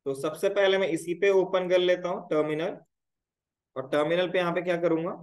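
A man's voice: high voice, steady tone, brisk, roomy sound, poor audio. A man teaching a live programming class, explaining step by step and often checking whether his students follow. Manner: explains step by step, checks in with repeated "clear, brother?". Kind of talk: live coding class tutorial.

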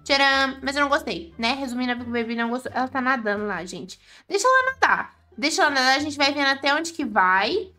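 A woman's voice: high-pitched, quick pace, few pauses, bright, forceful tone, faint music behind. A woman with a Brazilian Portuguese accent giving chatty, exclaiming gameplay commentary to her viewers as the host of a gaming channel.

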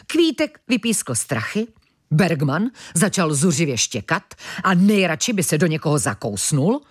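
A woman narrating a children's audiobook in a lively, expressive storytelling manner. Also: lowish voice.

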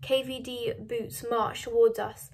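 A woman's voice: on the high side, level tone, unhurried, creaky, crowd noise. Woman reading a novel aloud. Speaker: reader of a novel.

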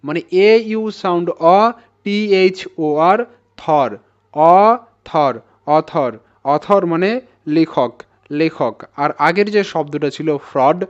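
A man teaches English phonics, spelling each word out letter by letter and repeating the sounds slowly. His voice is smooth and resonant and sits a little high. The recording sounds somewhat dull and lo-fi. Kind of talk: phonics lesson.

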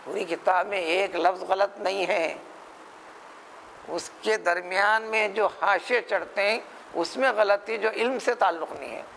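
In a high voice with a gravelly edge and a fairly bright tone, an Indian Quran scholar with a Hyderabadi accent lectures on religion. Rhetorical questions and brief mimicry of others carry his arguments. The recording quality is low, and a light room hiss runs underneath.

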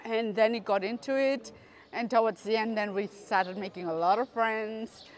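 A woman's voice: a little high, steady tone, normal speed. Reflective woman in her fifties from the Seychelles. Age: 50s. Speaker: pilgrim interviewee. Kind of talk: street interview. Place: city square outdoors.

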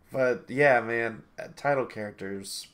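Speaking slowly at medium pitch, a game reviewer co-host in his thirties joins a video call through a headset from a small room at home. Allergies leave him sniffly, and he rambles casually, often doubling back to correct himself with easy laughs in between.

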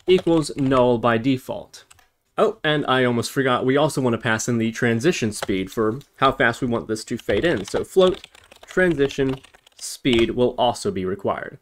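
A programming instructor narrates a step-by-step screencast, explaining things and thinking aloud as he types. His voice is mid-range with lively intonation and a slightly slow pace, over slight background noise.

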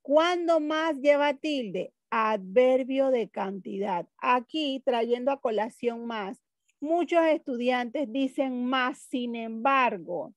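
Woman teacher, slow deliberate explainer, fairly high voice, dry close mic. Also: no echo. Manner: explains slowly with examples, checks in with "¿ok?". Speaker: Spanish teacher. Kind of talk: online class lesson.

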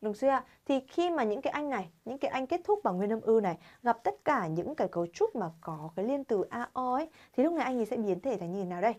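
Fast-talking woman teaching a grammar lesson. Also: a little high, big pitch swings, darkish tone. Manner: quizzes viewers with rhetorical questions. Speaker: Korean language teacher. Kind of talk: grammar lesson for Vietnamese learners.

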